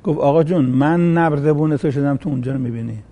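Male preacher, mellow dark tone, a bit high-pitched, recites verses and tells stories. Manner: quotes Arabic verses, acts out quoted voices in a story. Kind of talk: sermon with a told story.

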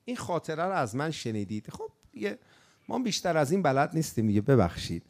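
A male preacher with a fairly high voice that swings widely up and down. He tells his sermon as a lively story and slips into chanting at times. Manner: animated storyteller, breaks into chanted phrases.

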